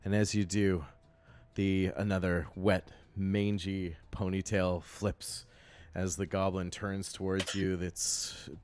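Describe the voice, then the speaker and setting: A man narrating a tabletop game as game master, describing scenes in a measured way. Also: sits low.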